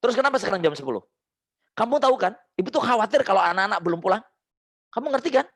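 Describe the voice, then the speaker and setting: A man's voice: high-pitched, animated, racing, a bit bright, pitched above the performer's own voice, heavily acted. A man voicing a worried mother who scolds her teenage child in an earnest, pleading way. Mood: stern.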